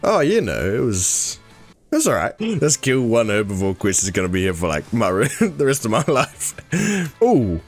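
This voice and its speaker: An excitable young man talks over his game, his pitch jumping all over as things happen on screen. He laughs a lot and keeps calling the viewer "bro". Faint music plays underneath. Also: normal speed, slightly rough. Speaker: gamer. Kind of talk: casual gameplay commentary.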